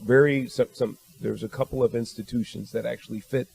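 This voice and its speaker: A man answering questions as a guest on a panel discussion. He speaks in a measured, thoughtful way, with frequent ums and uhs. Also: mid-range voice, steady tone, gravelly, a little mellow, slightly rough, no room sound. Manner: measured and thoughtful, with many fillers.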